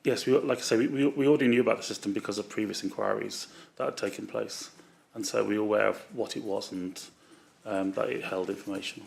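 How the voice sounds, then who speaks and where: A man testifying as a witness at a public inquiry, his voice worn from flu, halting with many fillers and restarts. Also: fairly low pitch, steady tone, vocal fry. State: voice going from flu. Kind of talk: formal testimony.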